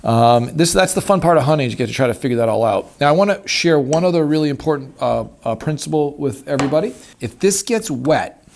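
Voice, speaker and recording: Fast and lively, a fairly high-pitched male voice with a darkish tone walks through a turkey call demonstration at a wooden table. This hunting instructor keeps the hands-on tutorial informal and folksy, like a laid-back teacher. There's background noise and the clicking of the call in the clear recording.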